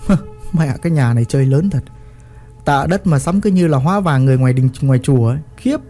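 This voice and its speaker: Man as a gossipy village neighbor, quick scoffing mutter, for a spoken story. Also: mid-range voice, lively intonation, mellow, soft background music, close to an everyday voice.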